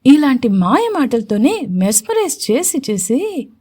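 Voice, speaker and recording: A shy young woman flustered by her lover, as a woman reader puts her on. Her protests come out coy and a little whiny. The voice sits high and moves a lot. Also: sing-song, measured pace, a little mellow, breathy edge, exaggerated voice.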